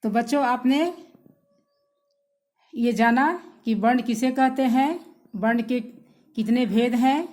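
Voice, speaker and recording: A woman's voice: a little high, slow, pauses often, darkish tone. A woman teacher giving a recorded grammar lesson to schoolchildren, patiently repeating definitions and speaking to the children directly.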